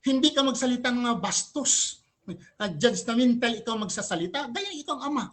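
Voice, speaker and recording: A man argues in a religious debate, and his delivery is forceful and emphatic. He keeps challenging the other side with rhetorical questions and switches languages freely as he talks. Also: very high-pitched, lively intonation, fairly quick. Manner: switches between Tagalog and English mid-sentence. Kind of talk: live religious debate argument.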